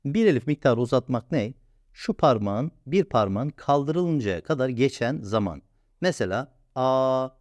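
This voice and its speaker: A patient male teacher leads a recorded lesson, posing questions and answering them himself. His voice moves up and down a lot as he stretches out sounds slowly for the learner. The sound is dry and close, with no room echo. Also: medium pitch, a little mellow. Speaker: Quran reading teacher.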